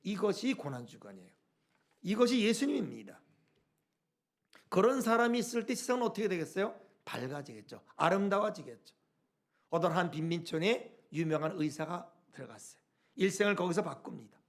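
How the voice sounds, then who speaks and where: Man, pastor, church sermon, reads scripture aloud, high voice. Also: big pitch swings, brisk. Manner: preaching with rhetorical questions, reading scripture aloud. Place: church sanctuary.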